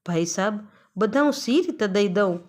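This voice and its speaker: A woman's voice: mid-range voice, expressive, moderate pace, a little mellow, lightly acted. A woman voicing a desperate, starving young village man who begs and pleads. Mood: pleading. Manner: pleading and begging.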